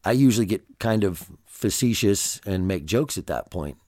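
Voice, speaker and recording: A man with a gravelly voice, congested from allergies, hosting a self-help podcast in a direct, conversational way that addresses the listener. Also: fairly low pitch, lively intonation, moderate pace, a little mellow, dry recording, studio quality. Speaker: podcast host.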